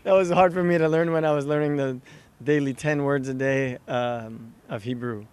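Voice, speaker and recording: A man's voice: medium pitch, fairly even intonation, moderate pace, darkish tone, smooth. A man from Los Angeles, a soccer player, chatting casually and laughing often in an outdoor interview. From Los Angeles, California. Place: outdoors by a river.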